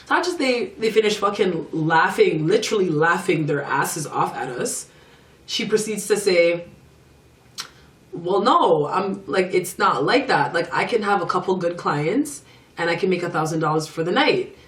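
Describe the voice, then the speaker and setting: A woman's voice: lowish voice, moderate pace, distant mic. Young woman telling a story in an echoey room. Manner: animated, acts out the other voices, curses freely. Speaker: vlogger. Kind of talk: casual storytime. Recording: echoey room, voice a bit off-mic.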